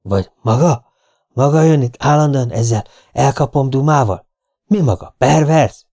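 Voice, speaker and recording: An irritable middle-aged client nags and grumbles with impatience, as a man reads him in an audiobook. The tone is a bit raised and pushy over a mellow, relaxed timbre. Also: medium pitch, dry recording, clean studio sound, pitched above the performer's own voice, natural voice. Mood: irritated. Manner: impatient, nagging. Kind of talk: audiobook reading.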